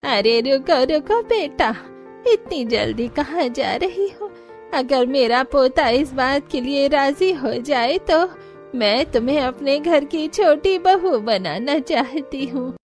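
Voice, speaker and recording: A woman voicing a kindly older grandmother in a cartoon, speaking slowly and gently. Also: high voice, expressive, soft background music, exaggerated voice. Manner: slow, gentle and pleading. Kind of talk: cartoon voice acting.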